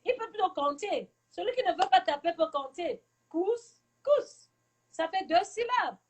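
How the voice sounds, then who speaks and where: A Cameroonian teacher with a very high voice gives earnest advice to parents during a live talk, repeating her key points for emphasis.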